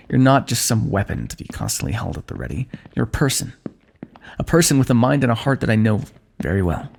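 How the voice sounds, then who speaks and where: In a scripted fantasy ASMR roleplay, a male performer voices a kingdom's ruler tending a wounded companion's injury. His voice is medium-pitched and gravelly, and he gently chides and teases in a close, intimate manner.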